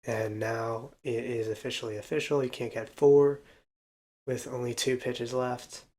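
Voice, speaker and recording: A man gives casual commentary on a baseball video game, counting hits out loud and throwing in self-deprecating asides. His voice is mid-range, steady, and a little mellow, with a measured pace, and faint music plays in the background.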